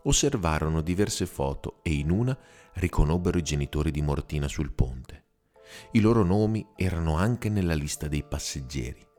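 A man tells a children's fairy tale in a deep, mellow voice. His delivery rises and falls with lively expression, and soft music runs under the reading. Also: normal speed. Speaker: storyteller.

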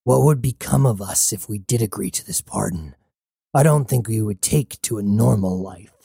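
A man voicing a hulking male cyborg captain, a menacing former mercenary with a gravelly, growling voice. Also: fairly low pitch, warm tone, dry recording, clean studio sound, heavily acted. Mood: guarded. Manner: slow, grim and threatening. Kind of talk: audiobook character voice.

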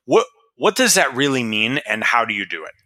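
A man hosting a podcast, asking relaxed, loosely phrased questions. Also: mid-range voice, fairly quick, no room sound. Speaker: podcast host. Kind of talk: casual podcast interview.

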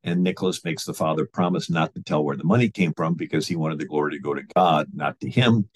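A man's voice: rumbling low, fast talker, a little hiss or hum. A man explaining church history in an informal storytelling manner, with frequent fillers and restarts. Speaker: history lecturer.

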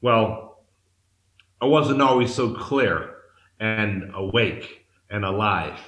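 A lowish, animated male voice, slow and a bit bright, comes from a Massachusetts man in his forties. He is an interview guest recounting his life candidly and earnestly, searching as he goes and restarting sentences often, in an echoey room in Mexico.

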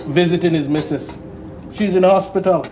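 A man's voice: high-pitched, normal speed, a little mellow, slight background noise, lightly acted. An actor playing a laid-back male cafe owner who talks in a dry, matter-of-fact way, in a 1980s TV drama.

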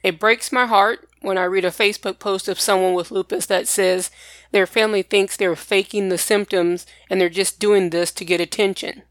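A woman hosts a personal podcast, talking plainly and directly to her listeners as though partly working from prepared notes. Her mid-pitched voice keeps a fairly even intonation at a normal speed. The sound is close and dry with no room sound.

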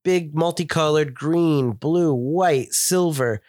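A man's voice: a little high, slow, darkish tone, no echo, studio quality. A man co-hosting a casual beer review podcast, talking in an enthusiastic, descriptive way while stuffed up from a cold. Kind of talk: casual chat.

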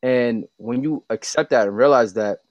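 A man's voice: medium pitch, normal speed, dry recording, muffled recording. Male guest entrepreneur, mid voice, earnest casual delivery, dead-dry recording. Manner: earnest, laughs often, slangy. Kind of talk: casual motivational chat.

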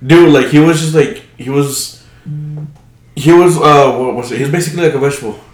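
A young man in a casual podcast chat, relaxed, asking questions and swearing offhandedly. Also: mid-range voice, brisk. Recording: echoey room.

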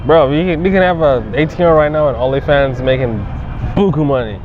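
Slangy young man, muffled over clear noise. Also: on the high side, fast talker. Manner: profane, blunt, slangy. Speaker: podcast co-host. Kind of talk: casual chat, slangy banter. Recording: muffled, clearly noisy outdoor traffic background.

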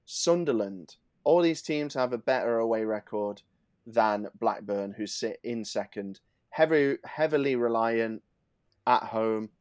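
Dry-voiced emphatic English football tipster. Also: male voice, medium pitch, a little mellow, dry recording. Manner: emphatic, builds lists of stats, then drops to asides. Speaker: podcast co-host, betting tipster. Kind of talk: casual football betting chat.

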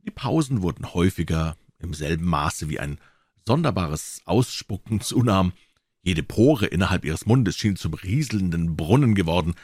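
A man narrating a classic novel with expressive storytelling. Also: deep voice, normal speed, dry recording, studio quality. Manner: expressive storytelling, voicing the characters. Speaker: audiobook narrator.

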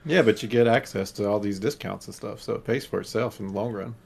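A man's voice: fairly low pitch, fast, gravelly, slightly rough. A young man co-hosting a podcast, chatting casually with friends in a laid-back, dry way. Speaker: podcast co-host. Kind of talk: casual chat among friends.

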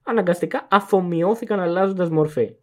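A man's voice: high-pitched, a little mellow. A young man co-hosting a casual chat podcast, explaining at length and correcting himself as he goes. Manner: rambling explainer, self-correcting. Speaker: podcast co-host.

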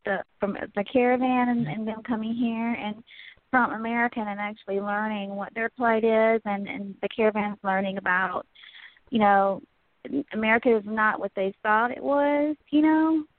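A woman leads an interview with measured, soft-spoken prompts. Her voice sits a little high. The line sounds thin, like a phone. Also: steady tone, no echo, narrow, tinny audio. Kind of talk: conversational interview.

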